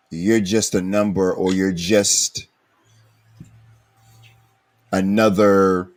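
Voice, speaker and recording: Host voice: low-pitched man, earnest, emphatic and preacherly, urging listeners not to give up. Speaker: podcast host. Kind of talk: recovery podcast interview.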